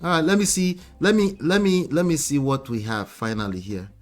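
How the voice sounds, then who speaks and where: Male live-stream host, animated reactions, quiet music bed. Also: on the high side, normal speed. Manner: animated, laughing often, rhetorical questions.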